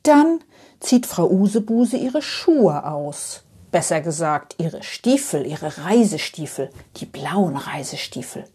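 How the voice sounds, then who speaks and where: A woman telling a bedtime story in a soft, half-whispered voice, with lulling repeated phrases. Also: lowish voice, sing-song, takes it slowly, husky.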